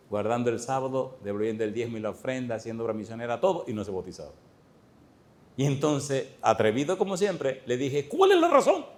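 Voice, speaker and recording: A middle-aged man, a pastor telling stories in a sermon to a church congregation, swinging between loud exclamations and hushed, tender asides. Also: mid-range voice. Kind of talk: storytelling sermon.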